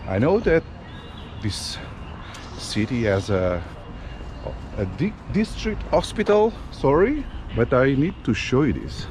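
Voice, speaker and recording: A man's voice: mid-range voice, big pitch swings, a little mellow. Guy filming a walking tour outside, lots of uhs and ums, street noise going on behind him. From Portugal. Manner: unhurried, many fillers and restarts. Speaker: travel vlogger. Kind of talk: casual walking tour vlog. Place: outdoors on city streets.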